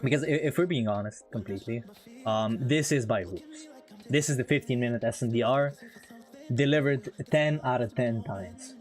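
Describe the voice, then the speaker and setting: Faint music plays as a man with a mid-range voice chats at normal speed on a live trading stream. English isn't his first language; he keeps things casual, laughs a lot and reads the chat aloud.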